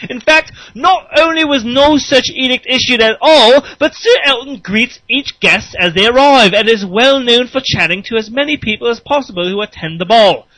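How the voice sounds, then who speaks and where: A man's voice: very high voice, moderate pace, few pauses, sharp tone, dry recording, voice pushed up, poor audio. A man voicing a pompous male British solicitor, reading a formal statement in a put-on British accent.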